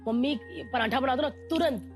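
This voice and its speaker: Animated woman telling her story. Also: sits high, moderate pace, faint music behind. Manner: candid, animated, acts out quoted voices. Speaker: guest. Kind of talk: emotional personal storytelling.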